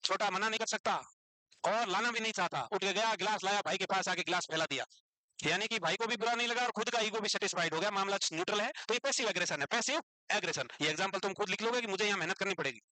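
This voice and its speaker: A man teaching a class, lively and animated, constantly asking his students rhetorical questions. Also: high-pitched, fast talker, dry recording, rough recording. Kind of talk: lecture to students.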